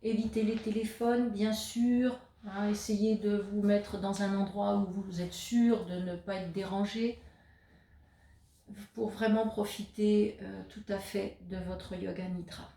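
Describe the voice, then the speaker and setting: A woman leads a yoga nidra session, speaking slowly and calmly and repeating her gentle instructions. Her voice is soft and mellow, and it carries a roomy echo. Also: medium pitch. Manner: slow, calm instructions with gentle repetition. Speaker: yoga teacher. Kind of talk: guided yoga nidra meditation.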